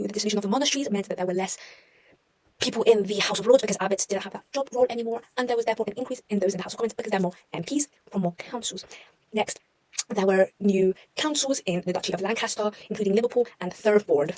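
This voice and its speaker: A young woman with a medium-pitched voice goes over her history revision notes in a casual, chatty way. She's self-mocking, often trails off to correct herself and adds wry asides, all on a low-quality recording.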